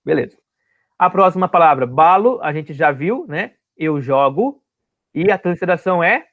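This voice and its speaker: A man's voice: a little high, animated, normal speed, narrow, tinny audio. A man teaching an online class, explaining step by step and often checking that his students follow.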